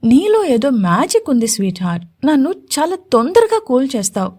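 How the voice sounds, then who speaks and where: A mischievous young man pressing his sweetheart for an answer, as a woman storyteller voices him. He teases and insists in a lively, swinging delivery, pitched on the high side for a man. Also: brisk. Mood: teasing. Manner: teasing, insistent. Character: playful teasing young male CEO lover.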